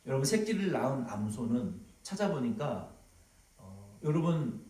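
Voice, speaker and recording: A male pastor preaching a sermon, animated and storytelling, at times acting out sounds, in a church sanctuary. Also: medium pitch, unhurried. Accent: Korean, Jeolla dialect touches. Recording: echoey hall, from far off.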